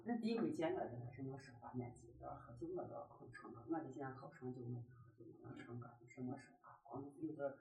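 A woman in her fifties chatting casually with a friend, gossiping in an animated way with many restarts and trailing-off phrases. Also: a bass voice, fast, few pauses, reverberant. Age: 50s. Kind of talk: casual chat.

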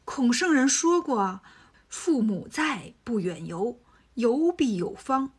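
A woman voicing a timid, pious male monk who lectures softly, sometimes half whispering. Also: on the high side, very animated, takes it slowly, slightly rough, exaggerated voice. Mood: gently lecturing.

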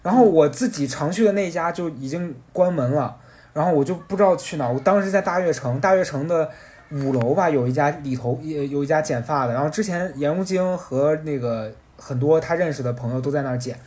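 A man telling a rambling, animated story in casual podcast chat. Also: fairly high pitch, fairly quick.

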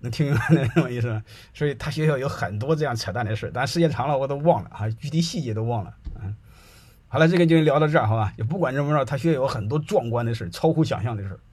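A middle-aged man with a deeply husky, rough voice tells anecdotes in a loose, colloquial way. He keeps checking that his listeners are following along. His pitch sits at an ordinary middle height for a man. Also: fast, a little mellow. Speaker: speaker telling anecdotes. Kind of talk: casual storytelling to an audience.

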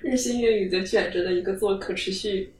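A woman's voice: medium pitch, brisk, a little mellow. A woman, a podcast guest, chatting lightly. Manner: light, laughs between phrases. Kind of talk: casual chat. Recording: roomy, distant mic, faint noise.

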